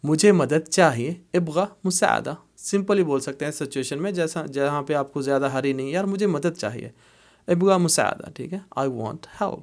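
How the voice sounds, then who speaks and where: A man teaching spoken Arabic phrases, explaining them in Urdu and repeating each phrase several times at a patient pace. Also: fairly high pitch. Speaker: language teacher.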